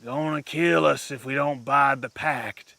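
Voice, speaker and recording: An actor playing a simple, fearful backwoods homesteader who talks in a slow, halting rural drawl with a raspy voice. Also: male voice, medium pitch, fairly even intonation, pushed and bright, no echo. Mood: wary. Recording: film soundtrack with faint music.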